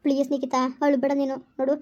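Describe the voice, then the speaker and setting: A woman's voice: high voice, completely flat delivery, rapid-fire, darkish tone, natural voice. A woman doing a soothing young friend. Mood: consoling. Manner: soothing, repetitive coaxing. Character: caring young female friend, gently consoling. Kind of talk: village family skit acting. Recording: dull lo-fi recording.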